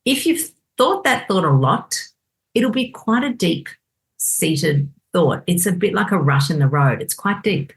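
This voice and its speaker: A woman, a doctor on a podcast, explaining in a lively chatty way and acting out inner voices. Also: lowish voice, measured pace. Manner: animated, acts out inner voices. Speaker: doctor guest. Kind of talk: casual podcast conversation.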